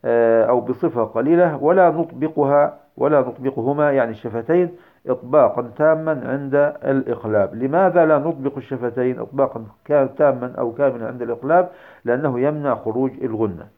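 A man teaching a lesson, explaining step by step with frequent hesitations and slow demonstrations of recitation. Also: medium pitch. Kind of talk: recorded lecture on Quran recitation rules. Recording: tinny phone-like recording.

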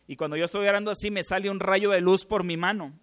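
Mexican guy preaching, high voice, gets fired up then goes quiet. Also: fairly even intonation, fast talker, smooth. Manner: impassioned testimony, swinging from hushed to shouting. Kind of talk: sermon.

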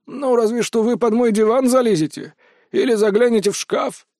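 A glum caretaker drawls out his words with a weary sigh, as a male narrator puts him on. The voice is pitched well above the reader's own. Close, dry recording. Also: a little mellow, no echo. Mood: dejected. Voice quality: sighing, drawn-out. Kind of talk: audiobook character voice.

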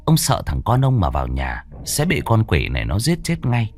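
A man's voice: wildly swooping pitch, normal speed, a little mellow, slight background noise. A man narrating a horror story in a theatrical, dramatic way. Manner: theatrical, swinging pitch widely for effect.

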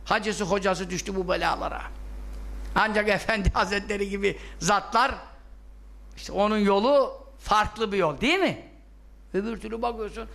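A man's voice: extremely high pitch, a bit bright. A man giving a religious lesson, scolding his listeners and firing off rhetorical questions that he answers himself. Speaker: religious teacher.

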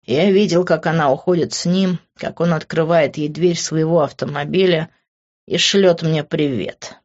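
A woman reading a first-person novel aloud in a plain, even manner. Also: sits low, normal speed, highs cut off. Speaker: audiobook reader.

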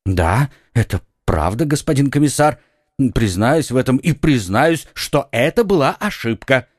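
A man's voice: expressive, a little slow, dry recording, studio quality. A man voicing a frightened, pleading middle-aged shopkeeper in an audiobook reading. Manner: high, anxious, exclaiming pleas.

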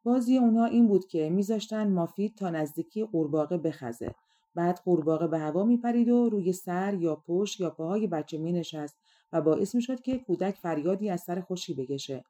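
Audiobook narrator, woman; calm measured storytelling, lowish and mellow.

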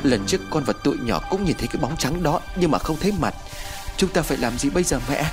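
A man's voice: on the high side, lively intonation, quick pace, over music, pitched above the performer's own voice, close to an everyday voice. A man voicing a frightened young widowed mother in a spoken ghost story, pleading and anxious.

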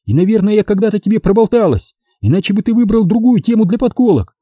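A man voicing a young woman official who bursts out in shrill indignation, tearful and furious, in an audiobook. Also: lively intonation, fast talker, no room sound, muffled recording.

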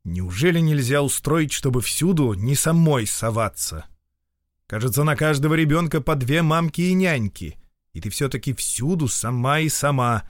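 A grumbling, domineering official husband, as a man reading the story puts him on. He lectures in a peevish, insistent tone. His voice is mid-pitched, and the reading sounds dry and close. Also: sing-song, normal speed, a little mellow, no echo, natural voice. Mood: peevish, lecturing.

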